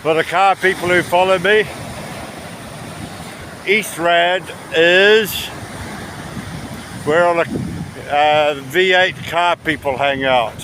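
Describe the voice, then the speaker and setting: Pausing often and taking his time, a man with a high-leaning voice and fairly even intonation chats aimlessly as a travel vlogger walking along the beach. Behind him the windy recording carries surf, wind and outdoor ambience.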